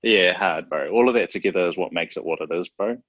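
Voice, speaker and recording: A laid-back man from South Auckland, New Zealand, chats casually as a podcast guest in a very low voice at a quick pace. He talks loose and slangy, peppering every phrase with "bro". The recording is dry and a bit dull, with no room sound.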